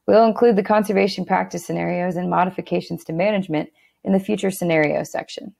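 A woman with a lowish, gravelly voice narrates a screen-recorded software walkthrough at a quick pace. Her tone stays steady and instructional, though she slips in a few fillers and restarts.

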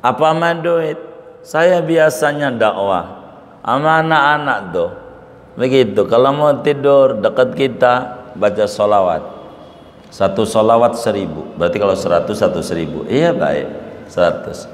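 Lively preacher. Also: male voice, mid-range voice, normal speed. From Banten, Indonesia. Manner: lively, colloquial storytelling, acts out dialogue. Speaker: Islamic preacher. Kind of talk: sermon with storytelling. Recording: echoey hall with faint noise.

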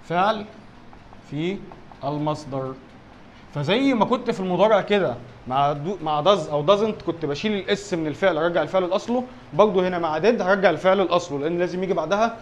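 A man with an Egyptian Arabic accent runs an exam review like a quick drill, firing questions at his students and answering them himself. His voice sits high and the words tumble out fast. A faint hum lingers under him. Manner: quizzes himself aloud, keeps checking with "alright?". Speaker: English teacher.

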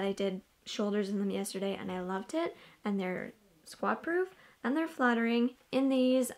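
A young woman in her twenties with a slightly high voice gives a chatty gym clothing review, leaning on "really, really" and "like". She sounds relaxed and conversational. She records in a small wood-panelled bedroom, picked up by a camera across the room. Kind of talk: casual try-on review.

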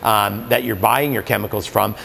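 A man's voice: lowish voice, fairly even intonation, moderate pace, creaky, fairly bright tone, in a large hall, a little hiss or hum. A man in his forties at a spa supply store, earnestly explaining hot tub care to camera on a lapel mic, with lots of fillers and restarts. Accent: Canadian. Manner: earnest, many fillers and restarts, demonstrates products while talking.

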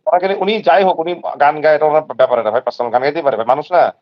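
A man's voice: fairly high pitch, rapid-fire, muffled recording. A man, talking emphatically and repetitively on an online live stream. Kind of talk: heated casual talk.

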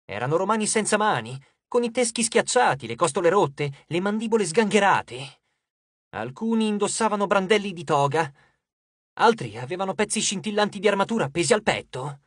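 An audiobook narrator reads a chapter from a script in a measured, steady manner. His voice is high for a man, and the recording is dry and close, without any room sound.

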